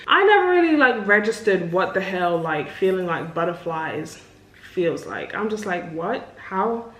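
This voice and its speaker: A young woman talks frankly and casually, cursing now and then as she answers questions. Her voice sits mid-range and rings a little in an echoey room, with faint music underneath. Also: medium pitch. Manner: candid and chatty, swears freely. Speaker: vlogger. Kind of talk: casual sit-down Q&A.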